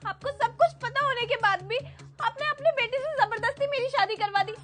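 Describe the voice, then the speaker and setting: A woman acting as a young wife in a family skit, accusing her husband loudly and emotionally. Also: very high voice, a little fast. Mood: hurt, pleading.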